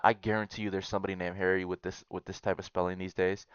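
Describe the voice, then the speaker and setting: Blunt, profane man with a smooth voice. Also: low-pitched, flat delivery, quick pace, no room sound, lo-fi sound. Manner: profane, blunt, with loud outbursts. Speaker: YouTuber reacting to Reddit posts. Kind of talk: casual reaction commentary.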